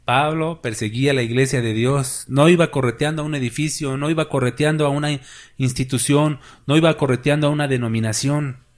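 A man's voice: medium pitch, steady tone, fairly quick. Pastor guy preaching, big rises and drops, keeps asking the church questions. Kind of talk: sermon.

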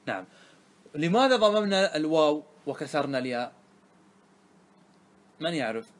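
A man's voice: fairly high pitch, big pitch swings, moderate pace. A man, a religious scholar, teaching a grammar lesson to a class, often quizzing his students and repeating the key points.

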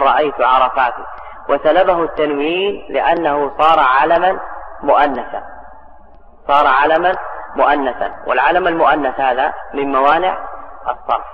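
Male grammar teacher, slow and deliberate with examples; dull recording with a long hall reverb. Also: fairly high pitch. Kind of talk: classical Arabic grammar lesson.

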